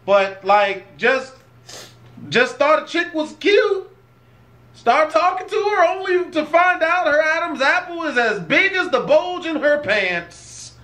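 A man's voice: very high voice, animated, slow, bright, forceful tone. A man hosting a casual reaction video, rambling and swearing freely as he talks. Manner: rambling, profane, easily set off. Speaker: YouTube reaction host.

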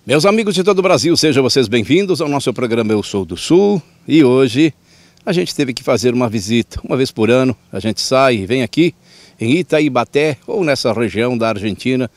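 A man's voice: medium pitch, animated, a little fast, dry recording. Chatty male TV host. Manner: chatty, enthusiastic, lots of tag questions. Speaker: TV show host. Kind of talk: upbeat presenter address.

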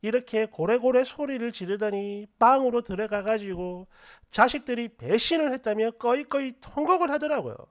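A woman's voice: on the high side, normal speed. A woman narrating a family story in a chatty, indignant way.

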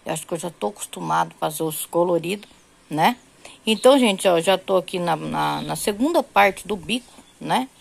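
A woman's voice: on the low side, animated, normal speed, creaky. A middle-aged Brazilian woman chatting casually in a home crochet vlog, showing her rugs and counting rows aloud. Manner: chatty, repeats "gente" and "tá bom" constantly. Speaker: crochet vlogger.

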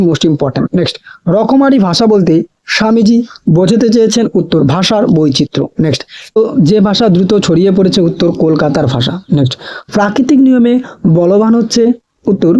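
A man teaching, reading exam questions and their answers aloud in a brisk, repetitive quiz drill and checking that students follow. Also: high voice, dark tone. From West Bengal, India.

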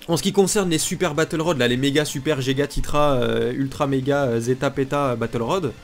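A man's voice: mid-range voice, fairly even intonation, fairly quick. Guy w a blocked nose, nasal congested voice, casual blunt gamer rambling, some music behind him. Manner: blunt, informal griping. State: congested from pollen allergy. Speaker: gaming video creator. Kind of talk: casual unscripted gaming commentary.

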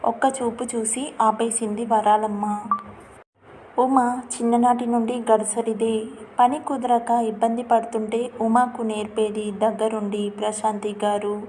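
A woman storyteller narrating a family story in a steady, even reading voice. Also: on the high side, unhurried, faint music behind.

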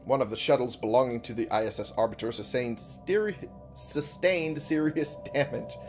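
A man giving casual, informal gameplay commentary as a host, thinking out loud, reading on-screen text and swearing freely. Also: mid-range voice, normal speed, soft background music. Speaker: video game let's-play host.

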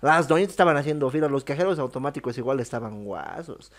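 Young Bolivian man, podcast co-host, lively, slangy. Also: medium pitch, fast talker. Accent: Bolivian Spanish. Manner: animated storytelling, heavy slang and swearing. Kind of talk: casual chat.

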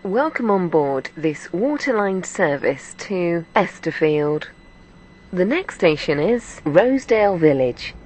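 A woman voicing a scripted train announcement as a formal onboard announcer, with measured delivery. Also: on the low side, big pitch swings, darkish tone, slight background noise, rough recording. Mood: formal, neutral.

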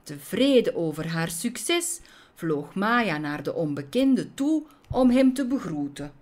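A woman reads a children's story aloud in an expressive, storytelling manner. Her voice moves through a wide, lively melody, and she takes an unhurried, slow pace. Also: lowish voice.

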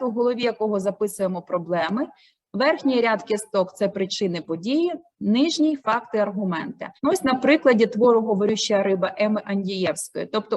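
A woman teacher with a Ukrainian accent, explaining teaching methods with frequent hesitations. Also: fairly high pitch.

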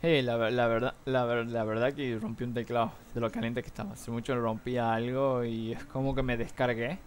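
A man's voice: mid-range voice, fairly quick. A young man with an Argentine accent chatting casually to his viewers from home, telling stories with sound effects on a cheap mic. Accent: Argentine Spanish. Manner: excitable storyteller, mimics noises and shouts. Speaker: gaming vlogger. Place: room at home with a fan running. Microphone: cheap desktop mic. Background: faint fan hum.

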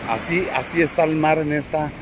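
A man live-streaming outdoors from a high spot by the sea, chatting and joking with his viewers and greeting them by name. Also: steady tone, brisk, background noise. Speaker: vlogger. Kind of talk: casual live stream from the seafront.

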